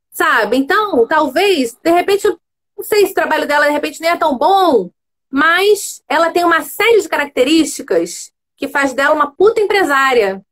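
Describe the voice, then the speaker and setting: A woman's voice: sits high, fairly bright tone. A woman hosting a casual live chat on a video call, making her points emphatically with rhetorical checks. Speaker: host.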